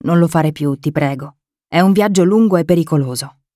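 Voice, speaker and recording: A woman's voice: sits low, brisk, mellow, no echo, clean studio sound, natural voice. A woman playing a tough, joking grandmother. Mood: pleading. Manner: teasing, reassuring.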